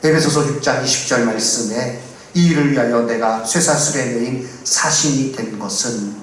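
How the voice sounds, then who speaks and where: Male pastor, sermon; exhorting, loud peaks and soft asides; distant mic in a reverberant church. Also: slight background noise. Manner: swings between loud emphatic declarations and quiet low asides; solemn, exhorting cadence with repeated benedictions. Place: church sanctuary. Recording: very echoey hall, mic far off.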